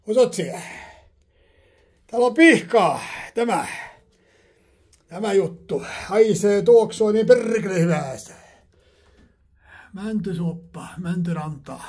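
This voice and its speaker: Rambling man with a high, husky voice; casual, repetitive, salty-mouthed sauna monologue. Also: darkish tone. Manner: rambling, repetitive, swears often. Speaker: vlogger heating a sauna.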